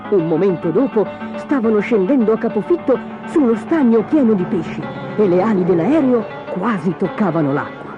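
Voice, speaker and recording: A woman narrating a children's storybook in an expressive, dramatic way. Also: medium pitch, normal speed, few pauses. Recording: dull lo-fi audio with music behind.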